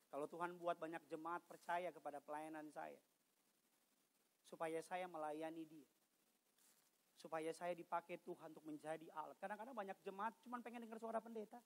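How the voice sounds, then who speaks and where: A man preaching a sermon as a pastor in church, moving between quiet conversational asides and loud, emphatic passages, with humorous remarks and English phrases mixed in. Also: a little high, steady tone, a little fast, rough recording. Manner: mixes English phrases into his speech. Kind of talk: sermon at a midweek church service.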